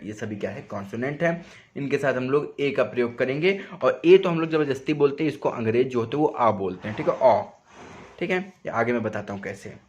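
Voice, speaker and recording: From his home in a residential neighbourhood, a man teaches a spoken English lesson in a mid-range voice. He explains step by step, poses questions and answers them himself, and draws words out slowly to demonstrate their sounds.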